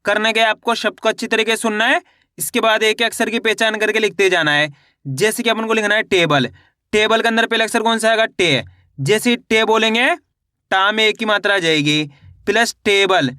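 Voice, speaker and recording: A man teaching reading, slowly sounding out syllables and repeating each word in a question-and-answer drill. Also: high-pitched, sharp tone, clean tone, dry recording, studio quality. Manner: addresses viewers as friends. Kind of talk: step-by-step spelling lesson.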